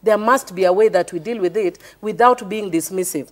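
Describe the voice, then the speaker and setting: A Kenyan member of parliament, appearing as a guest on a televised panel, argues passionately in a heated debate and keeps insisting on her point. Her voice is mid-range and brisk.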